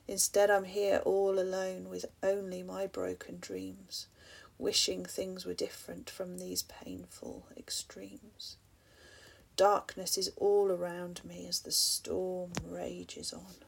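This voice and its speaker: A woman reading rhyming spoken-word poetry aloud in a soft voice that often drops to a breathy half-whisper, at times turning to ask the listener reflective questions. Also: medium pitch.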